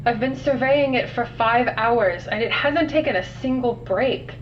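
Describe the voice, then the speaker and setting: Lightly acted over soft background music, a woman voices a tired, sardonic scientist reading containment logs for an audio drama, dry, matter-of-fact, wry and bemused. Her slightly high voice keeps a measured pace, and the recording is muffled, distant, noisy and humming.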